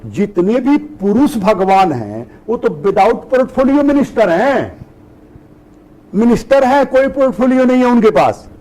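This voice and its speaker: A man's voice: extremely high pitch, big pitch swings, takes it slowly, dark tone, rough recording. A middle-aged man, a spiritual teacher, giving a discourse to an audience. He asks rhetorical questions and answers them himself, and he drops English phrases into his talk.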